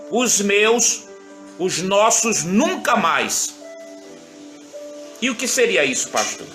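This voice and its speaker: A man's voice: high voice, fairly bright tone, roomy sound. A man in his fifties, a pastor, preaching a live-streamed sermon, earnest and tender, telling his own testimony and greeting viewers by name.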